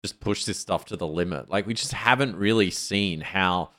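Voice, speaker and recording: A man with a very deep, low voice co-hosts a tech podcast. He speaks in a relaxed, measured way and sometimes reads passages aloud. The talk stays casual and unhurried. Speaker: podcast co-host.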